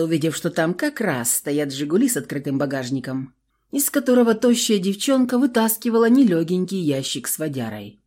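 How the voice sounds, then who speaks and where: A woman reading a novel aloud in the first person, in a lowish voice. Her delivery is very lively, full of coarse slang and sweeping rises and falls. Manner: expressive, coarse slang narration. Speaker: audiobook reader.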